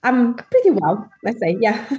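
A woman's voice: on the high side, big pitch swings, slow pace, warm tone. Italian woman heard from a distant mic. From Italy. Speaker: guest cookbook author. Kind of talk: casual interview chat.

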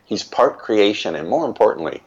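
A man's voice: on the low side, sing-song, brisk, slightly rough, dull audio. An older man, a guest in an interview, telling stories from his life in a reflective, emphatic way. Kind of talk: reflective storytelling.

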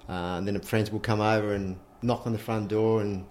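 A man from Chile in his forties answers interview questions in a relaxed, chatty way. His voice sits on the low side. A faint background hum runs under his talk as he sits at home. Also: fairly quick. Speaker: interview guest, former player and coach.

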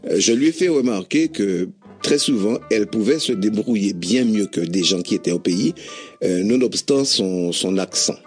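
A man speaking as a guest in a radio interview, explaining his views in a measured way. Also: lowish voice, animated, faint music behind. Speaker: guest, leads workshops.

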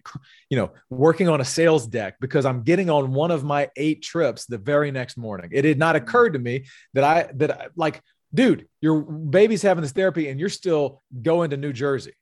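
A man's voice: mid-range voice, dry recording, clean studio sound. A man in his forties, a sales executive, earnestly telling a personal story as a podcast guest and often repeating his words.

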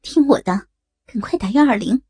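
An offhand female friend, played by a woman narrator, hands out brisk, practical advice without much concern. The tone is casual and matter-of-fact. It comes from an audio story. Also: a little high, lively intonation, warm tone, slightly rough, no room sound.

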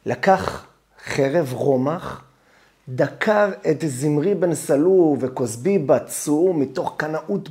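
A man, a rabbi, giving a sermon on the weekly Torah portion. He tells stories dramatically and acts out the quotes. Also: on the high side. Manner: animated, dramatic storytelling with acted quotes.

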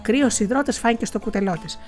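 A woman reading aloud from a novel as a storyteller, lively, with small slips and restarts. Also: on the high side, soft background music.

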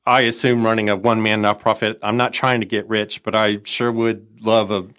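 The voice is lowish, level, clean, and fairly bright, moving at a moderate pace. A middle-aged advisor to nonprofit entrepreneurs, originally from Minot, North Dakota, he speaks with a nasal Chicago accent as an interview guest, drifting through folksy asides and frequent self-corrections.

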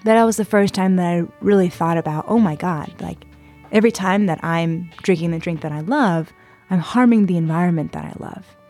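This woman in her twenties, from San Diego, California, has a lowish, warm voice and speaks at a normal speed over soft background music. She's a guest telling her story in a chatty interview style, peppered with "like" and "uh."

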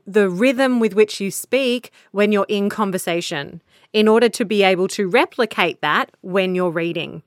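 A woman's voice: medium pitch, dry recording, studio quality. An Australian woman hosting a podcast, giving earnest, practical advice on speaking in a conversational teaching style. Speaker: podcast host and voice coach.

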